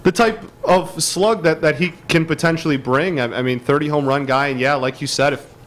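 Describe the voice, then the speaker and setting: A man co-hosting a sports podcast, chatting casually and excitedly with many restarts and fillers. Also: on the high side, normal speed, a little hiss or hum. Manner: excitable, stumbling restarts, lots of "like".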